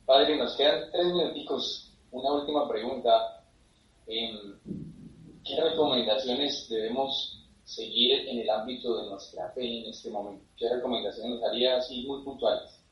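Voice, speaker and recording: A man's voice: medium pitch, normal speed. Distant, muffled male interviewer. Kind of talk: interview questions. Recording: distant, dull, echoey sound.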